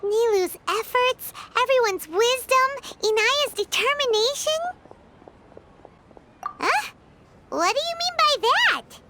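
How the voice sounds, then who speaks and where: A woman voicing a small, chatty, childlike female companion in a video game, with a squeaky, cutesy voice and an opinionated manner. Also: expressive, slow pace, pauses often, heavy background noise, exaggerated voice. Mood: curious, surprised. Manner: cutesy, refers to herself in third person. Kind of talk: animated video game voice acting.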